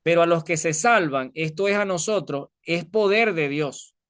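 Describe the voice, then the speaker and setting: A man's voice: fairly high pitch, normal speed, fairly bright tone, clean tone, no room sound, clean studio sound. A man preaching a conversational sermon, telling an illustration and asking his listeners many rhetorical questions.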